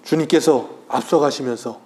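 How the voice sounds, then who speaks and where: A male pastor giving a Sunday morning sermon in church, telling a story with feeling and swinging between loud passages and hushed ones. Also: mid-range voice, moderate pace. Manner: acts out quoted voices softly. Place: church sanctuary during worship.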